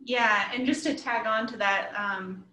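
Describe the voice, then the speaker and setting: A comics creator in her thirties chats casually as an interviewed guest on a video call for a panel discussion, speaking from her living room at home. Her voice is fairly high, sharp-toned and unhurried. A computer mic at short distance gives a reverberant, low-quality recording with a little hiss or hum.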